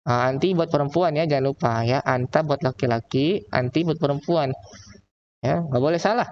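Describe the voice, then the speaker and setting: A man teaching Arabic with a Jakarta accent, slowly drawing out the example phrases in a recorded online lesson. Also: fairly high pitch, darkish tone, muffled recording. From Indonesia. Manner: slow, drawn-out reading of example phrases. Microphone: laptop mic.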